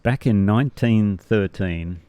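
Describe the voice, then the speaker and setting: A man's voice: fairly low pitch, a little slow, dark tone, lo-fi sound, a little hiss or hum. An Australian man, a golfer co-hosting a podcast, easygoing and laughing along in casual banter. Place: golf club lounge.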